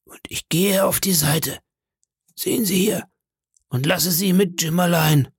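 A man's voice: sits high, a little slow, husky, no room sound, clean studio sound, voice pushed up, heavily acted. A man voicing a wily old male pirate cook who talks in an ingratiating, bargaining way in an audiobook reading. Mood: wheedling.

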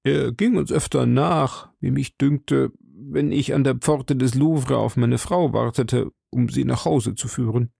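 A timid, frightened middle-aged shopkeeper, as a male reader voices him, hesitant and pleading. The voice is gravelly and sits at an ordinary male pitch, heard close in a dry recording. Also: unhurried, hardly any pauses, dark tone, no echo, full character voice. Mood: anxious.

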